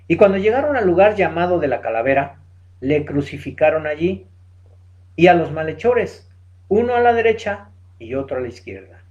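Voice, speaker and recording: Male preacher, high voice, scripture reading into sermon, asks the congregation questions. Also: sing-song, normal speed, darkish tone, muffled recording. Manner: reads scripture aloud then preaches with rhetorical questions; addresses listeners directly as brother.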